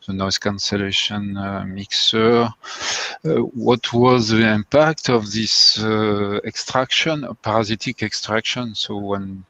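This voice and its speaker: A man's voice: lowish voice, pushed and bright, no room sound. A man on a thesis jury making formal remarks and asking questions, hesitant and often correcting himself as he searches for words. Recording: dull, dry video-call audio.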